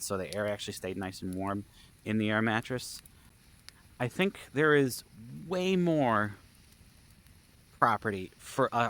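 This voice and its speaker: With a fairly low, slightly bright voice, a male vlogger and camp event organizer spins stories in a loose, rambling way. His manner is jokey and self-deprecating.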